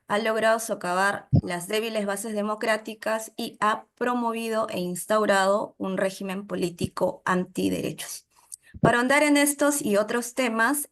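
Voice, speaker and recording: Female moderator, formal scripted delivery, creaky voice. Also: medium pitch. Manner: formal, read-aloud delivery. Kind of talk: scripted introduction.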